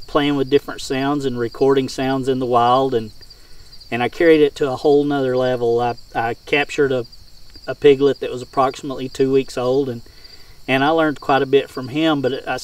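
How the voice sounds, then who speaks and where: A middle-aged man, a hog hunter, tells casual first-person hunting stories in a folksy, countrified way of speaking. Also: mid-range voice. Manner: folksy, rural colloquial phrasing. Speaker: hog hunter and game caller. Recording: distant mic outdoors with insect sounds.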